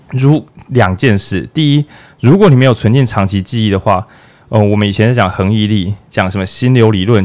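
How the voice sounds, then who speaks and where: A man's voice: on the low side, a little mellow. A man hosting a podcast, explaining things in a casual, playful way with jokes and acted-out asides. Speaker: podcast host.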